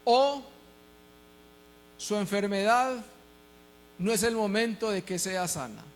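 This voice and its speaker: A man with a Colombian Spanish accent preaching a sermon as pastor, dropping to quiet asides and rising to shouted emphasis. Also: high voice, slow pace, slight background noise.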